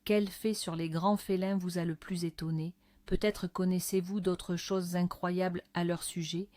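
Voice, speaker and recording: Casting: female nature documentary narrator, mellow and lower-pitched, measured explanatory delivery. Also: flat delivery, no room sound. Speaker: narrator of an educational video.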